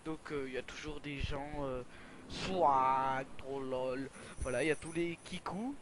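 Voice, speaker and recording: A man with a slightly higher voice gives casual gameplay commentary in short, joking remarks. Clear crowd chatter runs behind him. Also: fairly quick. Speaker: co-host on a game server tour.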